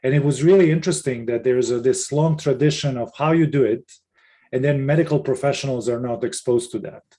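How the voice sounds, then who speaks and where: A man's voice: mid-range voice, fairly quick, mellow. Earnest middle-aged man from Serbia. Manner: earnest, with frequent restarts and fillers. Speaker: webinar panelist, professor. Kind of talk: casual webinar talk.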